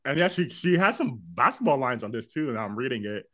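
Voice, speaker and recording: A man's voice: mid-range voice, big pitch swings, a little fast, no echo, clean studio sound. A man co-hosting a casual album-review chat, laughing often and dropping his voice to quote lyrics. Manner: laughs often, filler-heavy, drops quieter to quote lyrics. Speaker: podcast co-host.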